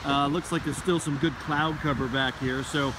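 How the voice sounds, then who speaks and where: Higher-pitched American man, noisy storm weather vlog. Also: steady tone, moderate pace. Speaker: meteorologist. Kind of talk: casual storm-chasing weather commentary. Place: in a car, then outdoors by a wet roadside. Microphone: handheld phone at arm's length. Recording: noisy phone video with traffic and outdoor noise.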